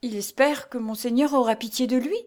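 A woman's voice: fairly high pitch, brisk, darkish tone, pitched above the performer's own voice, close to an everyday voice. A woman voicing a pale, trembling young peasant girl in a storybook reading, pleading through tears. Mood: tearful pleading. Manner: tearful, stammering, imploring.

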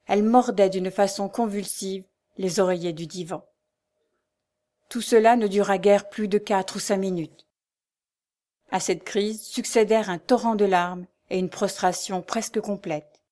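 A woman narrating an audiobook of a classic novel in a measured, clear, expressive way. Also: mid-range voice.

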